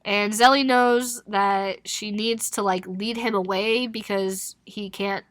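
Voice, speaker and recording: A young woman co-hosting a podcast recaps a novel in casual chat, laughing a lot and swearing as she tells the story with animation. Her voice is medium-pitched, she takes it slowly, and there's no echo.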